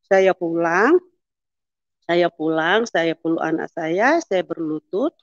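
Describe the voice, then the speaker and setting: A woman's voice: lowish voice, expressive, slow pace, no echo. Middle-aged woman, testimony, storytelling, voices the dialogue, dry close sound, dull lo-fi audio. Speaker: testimony speaker. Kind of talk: personal testimony in church.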